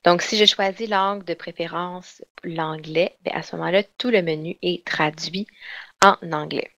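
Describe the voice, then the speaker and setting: A woman leads an online software training session. Her voice sits low, and her chatty, filler-heavy explanations come through a close, dry desk mic with no room sound. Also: fairly even intonation, normal speed, dry recording. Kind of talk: online webinar demonstration.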